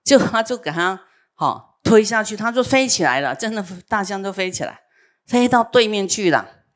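A woman's voice: medium pitch, lively intonation, moderate pace. Chatty woman telling a Buddhist tale. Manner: chatty, frequent fillers "哈". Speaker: Buddhist storyteller. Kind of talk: casual Buddhist teaching story.

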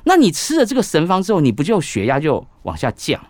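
A man's voice: fairly high pitch, wildly swooping pitch, fast, a little mellow, no room sound, clean studio sound. A man with a Taiwanese Mandarin accent, a traditional medicine doctor, explaining things conversationally in a didactic way with many rhetorical questions. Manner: didactic, rhetorical questions, frequent sentence-end particles. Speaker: traditional Chinese medicine doctor, podcast guest.

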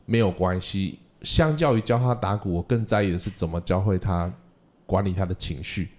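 A young man co-hosting a casual podcast, a music teacher who tells animated stories about students and mimics crying kids. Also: normal speed. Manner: animated storytelling, acts out crying kids in a high voice.

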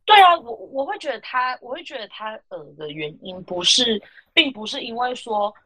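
A woman hosting a casual podcast chat, telling a story in an animated, indignant way with lots of fillers. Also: on the high side, moderate pace, rough recording. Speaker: podcast host.

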